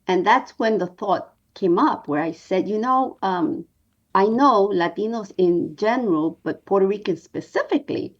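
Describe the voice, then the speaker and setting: Woman, sixties, from New York, earnest, measured, pausing, muffled lo-fi sound. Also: mid-range voice, animated. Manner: earnest, measured, with frequent 'um' pauses. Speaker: documentary producer guest. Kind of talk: interview storytelling.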